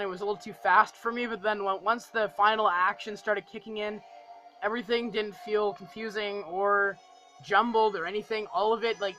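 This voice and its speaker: A young man reviews a film in a casual, enthusiastic vlog, gushing, rambling and repeating phrases for emphasis. His voice sits high and sounds pushed and bright, and the audio is poor.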